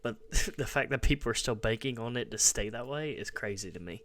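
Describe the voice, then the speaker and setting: A man's voice: medium pitch, brisk, fairly bright tone, slight background noise. A man giving casual, informal live reaction commentary as a streamer, often chuckling between remarks.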